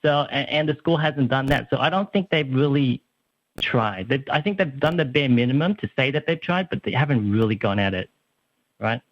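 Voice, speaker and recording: This young Australian caller on a radio talk show has a medium-pitched voice with lively intonation and a normal speed. He sounds earnest but keeps restarting and using fillers. The phone line is muffled, with no room sound.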